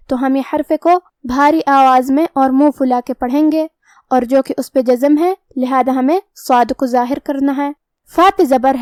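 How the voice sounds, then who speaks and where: A high-pitched woman gives a patient, methodical recitation lesson, explaining each letter's sound rule one by one. Her voice is recorded close and dry, with no room sound around it. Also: darkish tone, no room sound. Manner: explains each letter rule step by step, then recites verses slowly and drawn out. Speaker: Quran recitation teacher. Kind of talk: tajweed lesson, slow explanatory teaching.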